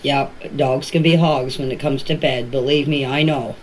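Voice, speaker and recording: With an extremely low voice and fairly even intonation, an older woman speaks at normal speed in voice messages to a group chat. Her tone is informal, earnest, and emphatic, with lots of repetition, and the phone recordings are noisy.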